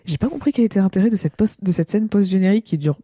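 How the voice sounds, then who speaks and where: A woman in her twenties with a hoarse, cracked, gravelly voice from a slight cold, chatting casually on a panel. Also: mid-range voice, expressive, quick pace, dark tone, no room sound. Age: 20s. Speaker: podcast panelist reading out reviews. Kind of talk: casual chat.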